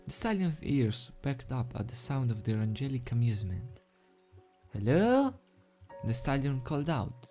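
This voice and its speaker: A man with a warm, mid-range voice reads a story aloud as an amateur fan fiction narrator. His delivery is dramatic, but he sometimes stumbles over the script, tripping on words and rereading phrases.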